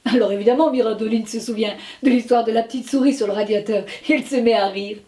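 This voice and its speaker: A woman telling a children's story in an expressive way, dropping into whispers for suspense. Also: fairly high pitch, fast.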